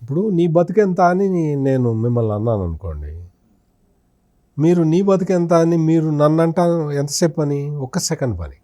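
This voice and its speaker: A man's voice: a little high, warm tone, no room sound, studio quality. A man, a senior journalist, giving accusing political commentary in an interview, firing rhetorical questions at an absent politician.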